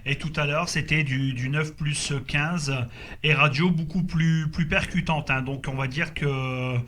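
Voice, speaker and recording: An amateur CB radio operator recording a group contact chats casually, his voice on the high side, steady and fairly bright, and a little slow. He repeats his phrases in a hesitant, agreeable way, with faint background noise on the recording.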